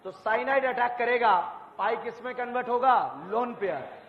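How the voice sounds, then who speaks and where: A man teaching chemistry in an exam-prep lecture, firing questions at students and repeating each answer back to them, with bursts of shouted emphasis. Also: very high voice, normal speed. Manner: quizzing students, repeating answers with call-and-response. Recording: echoey hall, muffled lo-fi sound.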